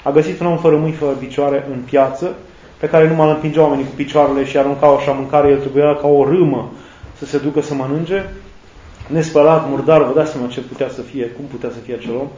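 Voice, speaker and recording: A priest giving a sermon, slow and reflective, listing words one by one. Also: male voice, fairly high pitch, steady tone, dark tone. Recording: echoey, dull lo-fi sound.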